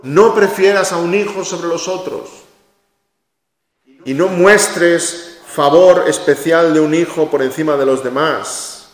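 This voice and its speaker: Emphatic preacher in an echoey hall. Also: male voice, on the high side, slow pace. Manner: emphatic preaching, repeats key phrases, acts out little quotes. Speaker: pastor. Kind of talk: sermon. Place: church hall. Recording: echoey hall with long reverb.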